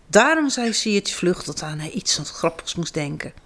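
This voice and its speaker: Woman storyteller, children's book, expressive and sing-song, wide melodic range. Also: on the low side, measured pace. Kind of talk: storybook reading aloud.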